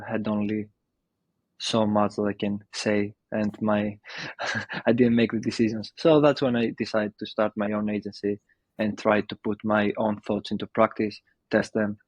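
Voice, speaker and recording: A man's voice: lowish voice, little pitch movement, normal speed, no echo. Young guy talking shop, lots of ums, kinda dull dry recording. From Greece. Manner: thoughtful, with many ums and restarts. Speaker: guest, video marketing agency founder. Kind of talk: casual interview answers.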